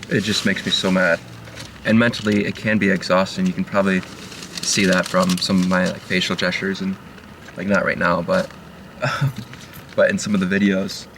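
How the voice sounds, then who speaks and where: A man rambling in a low-key, halting way with many fillers while driving, recorded a little away from the mic in a car. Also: gravelly, a bit bright, distant mic, a little hiss or hum. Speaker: vlogger. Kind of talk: rambling casual monologue. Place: inside a moving car.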